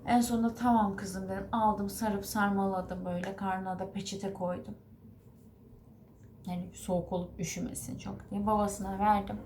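A woman's voice: mid-range voice, flat delivery, moderate pace, a little mellow, slight background noise. A woman vlogger and mother talking to the camera, telling a story in a rambling, earnest way and correcting herself as she goes. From Turkey. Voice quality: rambling, self-correcting recounting.

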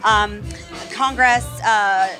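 A woman's voice: mid-range voice, extremely slow. A woman in her early thirties chatting casually as an interview guest at an event. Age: early 30s. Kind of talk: casual chat. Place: indoor event room with wooden floor. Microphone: handheld microphone. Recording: music clearly heard behind.

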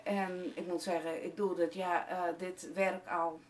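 A woman's voice: on the low side, flat delivery, unhurried. A woman in her forties who owns a hair and beauty salon, speaking hesitantly with many fillers as she presents her business to camera. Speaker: salon owner. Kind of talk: promotional talk to camera. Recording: distant camera mic with faint room noise.

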